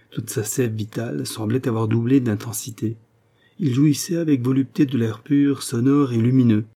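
A man reading a novel aloud as narrator, steady and measured. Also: medium pitch. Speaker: audiobook narrator.

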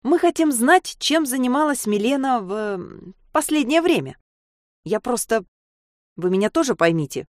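A woman's voice: a little high, sing-song, moderate pace, dry recording, voice pushed up. A woman voicing a tense adult daughter who presses with indignant questions.

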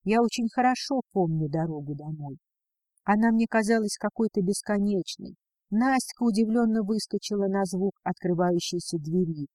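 A woman reading a first-person audiobook in a quiet, subdued way. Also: mid-range voice, normal speed, dry recording. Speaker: audiobook narrator.

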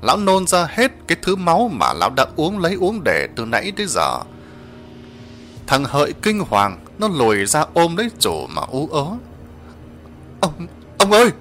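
A male storyteller narrates a ghost story in a bright, forceful voice. His pitch moves widely and his reading stays dramatic and expressive. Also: normal speed, faint music behind. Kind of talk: spoken horror story narration.

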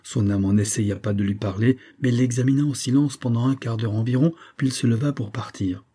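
A man reading a novel aloud as an audiobook narrator, in a steady, measured way. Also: medium pitch, breathy edge.

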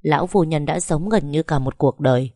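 A woman narrating a romance story in a steady, even reading. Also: low voice, moderate pace, dry recording, studio quality. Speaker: audiobook narrator.

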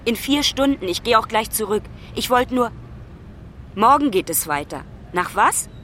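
A woman's voice: fairly high pitch, expressive, moderate pace, sharp tone, slight background noise. An actress playing a lonely young woman who calls her mother from abroad, talking urgently and pleadingly. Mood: chatty. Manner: urgent, pleading phone talk. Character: lonely young woman traveller, anxious and affectionate. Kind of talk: radio play acting.

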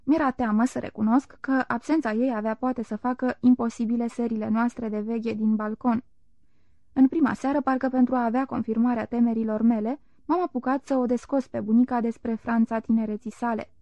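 A woman reading a literary novel aloud in a calm, measured narration. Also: on the high side, no room sound. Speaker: audiobook reader. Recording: dull, dry, lo-fi recording.

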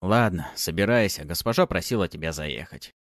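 Narrator voicing a gruff, menacing older steward for an audiobook; animated delivery. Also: male voice, low-pitched, brisk, dry recording, clean studio sound. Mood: weary. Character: stern older male steward, gruff and weary. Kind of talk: audiobook character voice.

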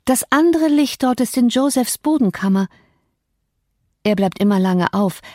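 A woman's voice: fairly high pitch, animated, a little slow, a little mellow, dry recording, studio quality, voice pushed up. A woman voicing a feverish, delirious young woman who speaks in a raised, exalted, pleading way. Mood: delirious yearning.

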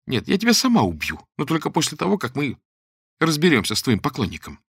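A man doing a brisk, determined young woman. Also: on the high side, wildly swooping pitch, slightly rough, no room sound, clean studio sound, pitched above the performer's own voice, full character voice. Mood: stern. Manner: sharp, commanding, shouting for help.

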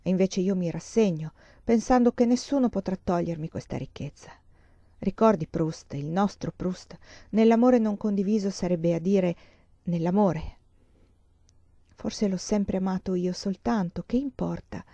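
A woman's voice: medium pitch, measured pace, mellow, no echo. A woman reader voicing a heartbroken, jilted young woman who speaks in a pleading, broken voice. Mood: brooding. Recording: slightly dull lo-fi recording.

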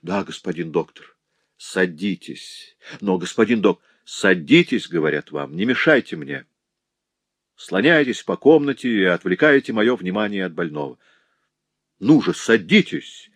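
A composed, stern doctor in a storybook, speaking low, quiet and unhurried with firm authority, as a man plays him. The sound is close and dry. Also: lively intonation, husky, no echo, exaggerated voice. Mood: stern calm.

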